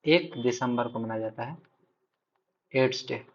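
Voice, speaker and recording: A man with a Bihar accent giving a recorded exam-prep lecture. He drills each key term by saying it again and again, pausing to check that his students are following. His voice sits at an ordinary pitch and comes through a dull, lo-fi recording. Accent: Hindi speaker from Bihar. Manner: repeats key terms, checks in with "ठीक है".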